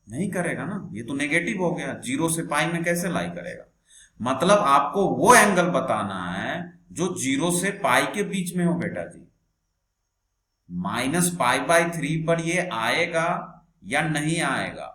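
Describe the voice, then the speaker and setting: A man's voice: on the high side, pushed and bright. A man teaching a maths class online in speech, patiently calling students "beta" and asking them questions as he explains. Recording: echoey room, faint background noise.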